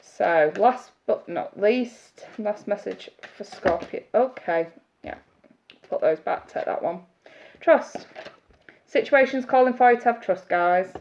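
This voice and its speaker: A woman with a mid-range voice speaks slowly while reading tarot live. Congested by hay fever, she chats freely and names viewers as she greets them; steady hiss and muffling mark the audio.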